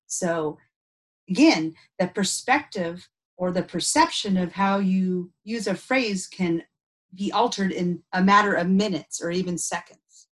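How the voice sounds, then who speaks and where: A woman's voice: fairly low pitch, a little slow. Thoughtful woman podcast co-host. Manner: thoughtful, unpacks ideas aloud with frequent "and so" restarts; laughs easily. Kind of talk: casual reflective podcast chat.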